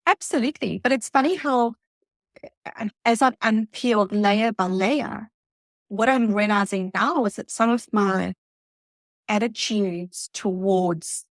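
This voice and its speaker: A middle-aged woman from South Africa, a guest telling her story in an earnest, reflective way, halting at times. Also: mid-range voice, no room sound, studio quality. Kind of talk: emotional personal interview.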